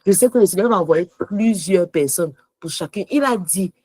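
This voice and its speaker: Woman, devotional teacher, passionate, mixes French and English, husky, lowish voice. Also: animated, moderate pace, a little mellow, no echo.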